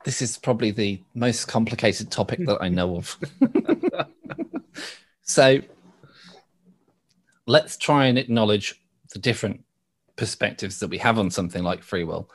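Halting English man, podcast guest. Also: lowish voice, big pitch swings, slightly rough. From West Midlands, England. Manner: halting, with frequent restarts and laughs. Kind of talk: thoughtful conversational interview.

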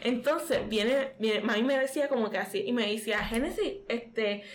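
A woman's voice: a little high, a little fast. A young woman from Puerto Rico with a Puerto Rican accent tells an emotional personal story as an interview guest. She rambles with many fillers and re-enacts the dialogue. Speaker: interview guest, pastor's daughter. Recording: faint background noise.

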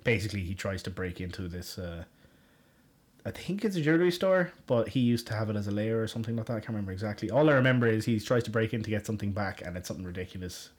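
A man's voice: lowish voice, fairly even intonation, very fast, hardly any pauses. A man of thirty-one with a west of Ireland accent, hosting a solo podcast in casual, rambling, informal chat. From Galway, west of Ireland. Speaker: podcast host. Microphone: condenser shotgun mic.

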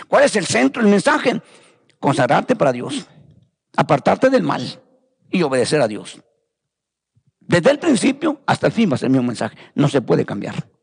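A man's voice: on the high side, sing-song, normal speed, vocal fry, long pauses, breathy edge, big-room sound. A man preaching a fervent sermon, repeating phrases and calling his listeners brothers. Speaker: pastor.

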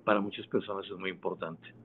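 A retired broadcaster in his seventies with a Mexican accent speaks in a low, slightly husky voice. He talks at an unhurried, measured pace and with a modest tone. He comes through a thin, phone-like line. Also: steady tone. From Monterrey, Mexico. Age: 70s. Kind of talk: phone interview.

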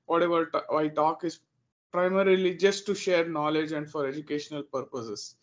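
Indian man, 30s, interview guest, hesitant and filler-heavy, fairly high voice, lo-fi sound. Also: fairly even intonation, moderate pace. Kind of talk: interview answers.

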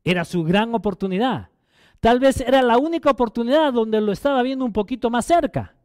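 A man preaching a Sunday sermon in a notably high voice. The sound is dry and close, with no room echo. He keeps turning to the listeners with questions and drives points home by repeating his phrases. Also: a little fast, a little mellow. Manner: asks the congregation questions, repeats phrases for emphasis. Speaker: pastor.

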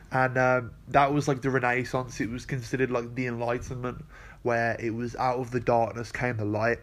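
A man talks through history in a loose, meandering way, his voice stuffy and nasal from a cold. His pitch sits in an ordinary middle register and barely moves. He leans on fillers and lets a swear word slip now and then. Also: fairly bright tone. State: congested from a cold. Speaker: video essay host. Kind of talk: casual explanatory monologue.

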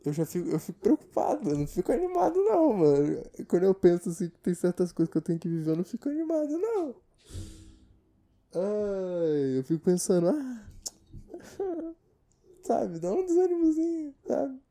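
A man's voice: high voice, big pitch swings, fast, few pauses, warm tone. A young man with a Brazilian Portuguese accent, hosting a casual solo podcast in a rambling, profane and self-mocking way. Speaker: podcast host.

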